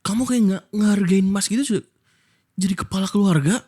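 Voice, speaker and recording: A man's voice: high-pitched, fairly quick, warm tone. A young Indonesian man in a whispered role-play as a husband, scolding his wife with hurt reproach.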